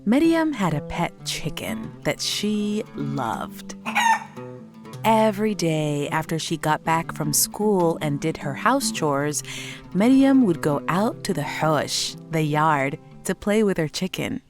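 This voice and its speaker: A woman narrating a children's folktale slowly and expressively, weaving in words. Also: low voice, music in the background. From Sudan. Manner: slow, expressive, mixes in Arabic words. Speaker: storyteller.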